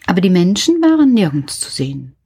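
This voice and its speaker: A woman reading a children's story aloud in a lively, expressive way, often dropping her voice softly. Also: fairly low pitch, a little fast, slightly rough.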